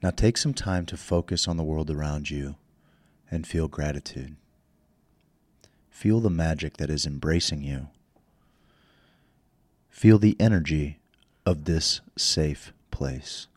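Slow, deep-voiced man guiding meditation. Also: no echo. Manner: slow, soothing instructions. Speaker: meditation guide. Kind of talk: guided meditation.

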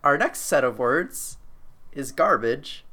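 A bright, forceful voice of medium pitch. The speaker is playful and jokey in a casual group chat, swearing lightly and riffing on words. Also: lively intonation, slow.

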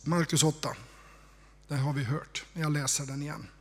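Male preacher, slightly higher voice, husky, conversational sermon delivery. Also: steady tone. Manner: conversational, reflective, dropping to hushed tones for emphasis.

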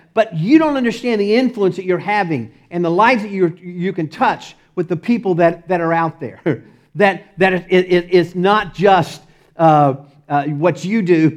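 Preaching a sermon, a Texan pastor with a voice that sits high speaks emphatically and repetitively. He keeps breaking into short laughs and swings between loud and soft.

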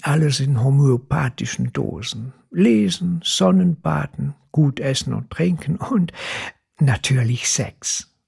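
Casting: male reader doing a sultry, teasing woman guest, husky, a notch higher, unhurried. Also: animated, a little mellow, full character voice.

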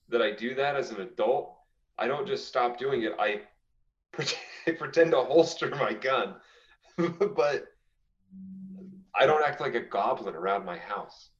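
This young podcast co-host reads listener confessions casually, laughing often and saying "dude" a lot. His mid-range voice is animated but a little slow, with long pauses. Sound is roomy and slightly dull.

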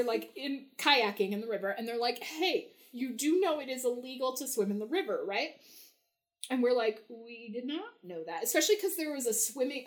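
Chatty high-voiced young woman. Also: fairly bright tone. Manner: chatty, laughs often, many fillers. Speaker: podcast guest. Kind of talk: casual storytelling.

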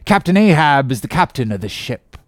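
Captain Peleg, a man playing a booming old sea captain. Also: very animated, a little fast, dry recording, studio quality. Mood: gruff. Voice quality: loud, booming, archaic speech. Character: gruff old male sea captain, suspicious and blustering.

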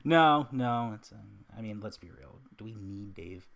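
Co-host guy, bright lively voice, deadpan jokes, chatting at home. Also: on the low side, a little slow. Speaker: podcast co-host. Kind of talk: casual chat. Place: apartment with dimmed lights.

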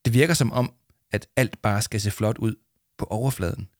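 A man's voice: lowish voice, no room sound, clean studio sound, close to an everyday voice. A man voicing a nervous, stammering schoolboy in a children's audiobook. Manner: stammering, hesitant.

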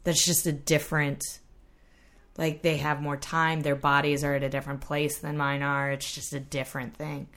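A woman's voice: sits low, completely flat delivery, moderate pace, fairly bright tone. A woman in her thirties hosting a podcast, chatty and laughing often. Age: 30s. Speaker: podcast host. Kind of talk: casual interview chat.

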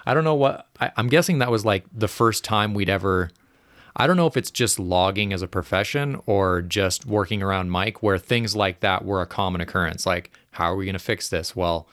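A man's voice: deep voice, a bit bright, no room sound, studio quality. A man casually reminiscing in conversation, often restarting his sentences and laughing as he tells a story. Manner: halting, restarts and laughs while telling.

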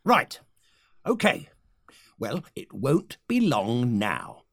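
An actor playing a pompous, short-tempered male leader of a secret candy society in a comedy audio sketch, with grand theatrical speeches and a gravelly voice. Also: wildly swooping pitch, very slow, fairly bright tone, no room sound, clean studio sound, full character voice. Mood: exasperated. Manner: theatrical, booming speeches, easily irritated.

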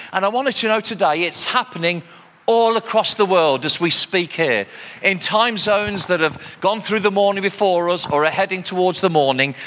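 A man's voice: high-pitched, sharp tone. An older British man preaching a sermon in a conversational way, with joking asides to the congregation. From United Kingdom. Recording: long hall reverb.

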